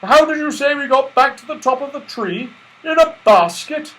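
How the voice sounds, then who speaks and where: A jolly old storybook Santa performed by a male narrator, pitched high and swooping with excitement. He exclaims eagerly, full of booming delight. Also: moderate pace, low-quality recording.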